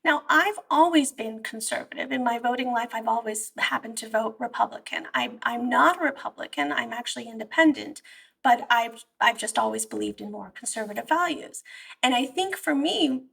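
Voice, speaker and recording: Husky high-voiced woman, slightly off-mic. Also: sing-song, moderate pace, a bit bright, distant mic, low-quality recording. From born in Iran, raised in the San Francisco Bay Area. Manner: earnest, emphatic, with frequent restarts. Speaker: guest therapist. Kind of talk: conversational interview.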